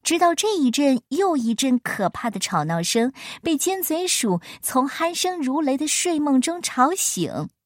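A woman reading a children's picture book aloud in a playful, expressive way, her voice rising and falling with the story. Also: sits high, a little slow, few pauses, no echo, clean studio sound.

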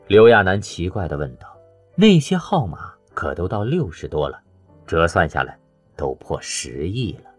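A man narrating an audiobook in an expressive storytelling way. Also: deep voice, normal speed, dry recording, faint music behind.

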